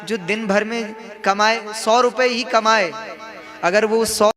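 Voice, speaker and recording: A young male preacher with a fairly high voice tells a devotional story, posing rhetorical questions to his audience. Instrumental devotional music hums clearly under his words. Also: fairly even intonation, slow pace. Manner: rhetorical questions, addresses listeners as bhaiya. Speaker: kathavachak (religious storyteller). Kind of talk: devotional katha sermon. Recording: music in the background.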